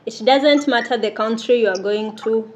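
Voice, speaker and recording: A woman's voice: a little high, moderate pace. Woman in her thirties, earnest, noisy recording. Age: 30s. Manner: earnest, laughs often. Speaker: interviewee, domestic worker. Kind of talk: casual interview. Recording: noisy background.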